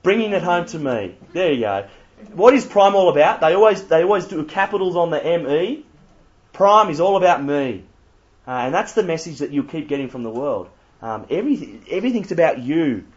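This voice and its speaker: A man's voice: on the high side, animated, moderate pace. A young Australian man giving an interactive church talk, quizzing the audience with playful asides. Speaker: youth speaker. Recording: slightly muffled lo-fi recording.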